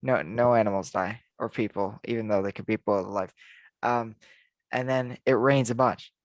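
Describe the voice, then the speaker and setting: A man's voice: on the low side, steady tone, moderate pace, no room sound, highs cut off. A man co-hosting a casual podcast, musing aloud and often restarting his sentences. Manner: rambling, thinks aloud with restarts. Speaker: podcast co-host. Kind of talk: casual chat.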